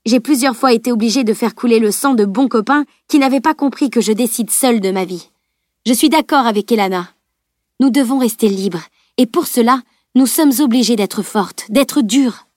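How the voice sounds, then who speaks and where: A woman's voice: a little high, normal speed, a little mellow, no room sound, clean studio sound, natural voice. A woman reading an audiobook voices a blunt, proud young woman fighter who talks in a matter-of-fact way. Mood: defiant.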